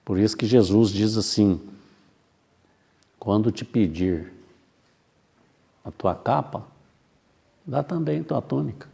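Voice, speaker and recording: A man delivers a spiritist sermon in an unhurried, measured way. His voice is mellow and dark, with a gravelly edge. He keeps posing rhetorical questions to his listeners. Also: on the low side. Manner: slow, reflective, rhetorical questions. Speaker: spiritist lecturer. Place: spiritist center hall.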